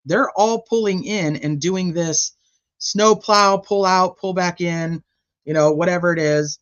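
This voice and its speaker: On dull audio, a woman with a fairly low pitch rambles unhurriedly through her recap of a trial. She hosts a true crime channel, and her casual commentary is chatty, sprinkled with fillers and laughter.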